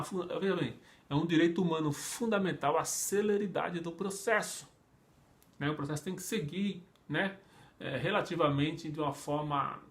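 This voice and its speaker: A male teacher with a Brazilian Portuguese accent lectures on law in a loose, conversational way. He poses rhetorical questions and keeps checking in with tag questions. His voice sits on the higher side for a man. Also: a bit bright. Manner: conversational, asks rhetorical questions, acts out imagined speakers; frequent tag questions and fillers.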